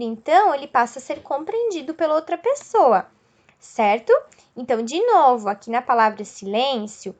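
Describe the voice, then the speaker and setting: A woman teacher giving a recorded video lesson, explaining step by step and asking and answering her own questions. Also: sits high. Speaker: school teacher.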